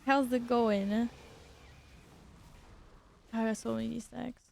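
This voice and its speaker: Chatty woman streamer, slightly high creaky voice. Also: fairly even intonation, slow pace, darkish tone, a little hiss or hum. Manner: chatty, informal, exclamatory. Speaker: live game streamer. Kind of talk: casual live gameplay chat with viewers and teammates.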